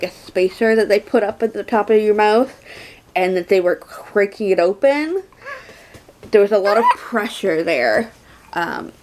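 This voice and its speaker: A young woman talks through a casual vlog update at a very unhurried pace. Her voice sits a little low for a woman, and her words come out slurred and lisping, as from a mouth without teeth. She pauses often as she goes. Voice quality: slurred, lisping toothless speech. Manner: slow, halting, with many pauses. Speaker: vlogger.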